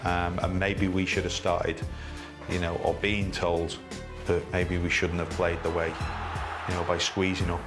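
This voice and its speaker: A man with a very deep voice weighs up football tactics in a considered way. His speech is analytical and thoughtful. Music plays clearly behind him. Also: level tone, measured pace. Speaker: football interviewee. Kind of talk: analytical interview.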